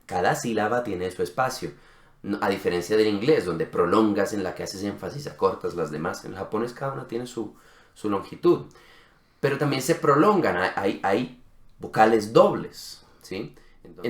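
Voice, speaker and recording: A man co-hosting a language lesson, explaining step by step in casual conversation and often checking in with a quick question. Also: fairly low pitch. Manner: methodical, checks in with frequent "¿sí?". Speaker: co-host of a language channel. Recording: roomy echo.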